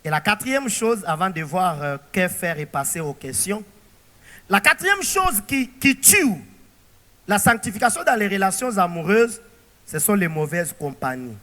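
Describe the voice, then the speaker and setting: A male pastor preaching a sermon, animated and throwing rhetorical questions to the congregation. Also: high voice, unhurried, long reverb tail.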